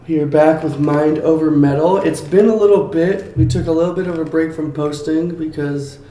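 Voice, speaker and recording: A man's voice: a little high, fairly even intonation, moderate pace, dark tone. A man hosting a casual podcast, easygoing and prompting his guest with short questions. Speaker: podcast host. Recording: echoey room, faint noise.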